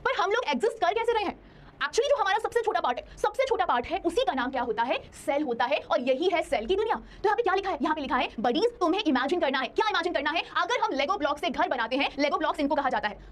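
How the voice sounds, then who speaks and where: A young woman teaches a science lesson from a studio in a very high voice. She talks at a breakneck pace, playful and chatty, and keeps asking her students if they understand. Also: lively intonation, quick pace. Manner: chatty, playful, talks straight to students with many checking questions. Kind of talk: online class lecture.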